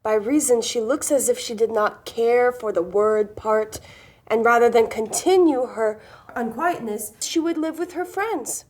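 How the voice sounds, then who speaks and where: Woman playing a high-voiced gallant of Restoration comedy. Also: a little slow, darkish tone. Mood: earnest, gallant. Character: gallant, sensible young gentleman in love, wryly reproving. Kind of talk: Restoration-comedy stage acting, mannered period dialogue.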